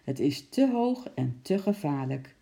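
A reader doing a calm brave little girl. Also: mid-range voice, measured pace, gravelly.

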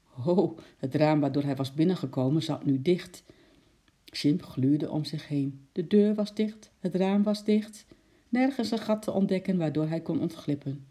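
A storyteller reading a children's story aloud in a calm narrating voice. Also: mid-range voice, normal speed.

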